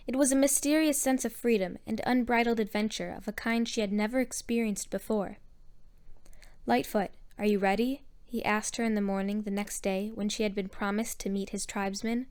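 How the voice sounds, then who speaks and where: A woman narrating a story in a measured storytelling manner. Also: on the high side, clear, resonant tone. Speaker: audiobook narrator.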